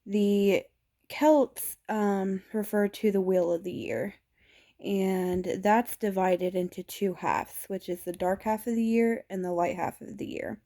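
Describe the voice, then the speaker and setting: A woman vlogger giving a casual spoken explainer, hesitant and pausing often with fillers. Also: mid-range voice, fairly even intonation, warm tone. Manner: hesitant, frequent filler pauses.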